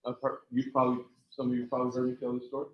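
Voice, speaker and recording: A man's voice: medium pitch, monotone, rapid-fire. A man teaching a taekwondo class, giving a repetitive, emphatic motivational talk full of rambling stories. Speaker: taekwondo instructor. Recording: echoey, dull lo-fi room sound.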